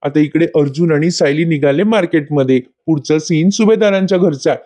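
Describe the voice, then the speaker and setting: Guy recapping a tv serial, talks to the viewers, mellow voice a bit high. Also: fairly quick. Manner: addresses viewers directly. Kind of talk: casual retelling of a TV episode.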